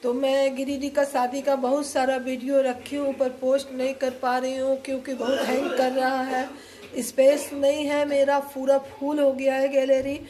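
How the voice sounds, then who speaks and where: A woman's voice: high voice, monotone, moderate pace, warm tone. A middle-aged woman vlogger with a cold and fever, chatting and telling a rambling story to her viewers as friends. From eastern India. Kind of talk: casual storytelling to camera.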